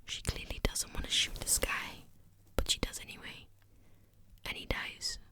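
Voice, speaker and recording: A woman whispering breathily in a casual ASMR ramble, very close to the microphone at the ear, often repeating words. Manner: slow, gentle pacing with repeated words. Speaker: ASMR content creator.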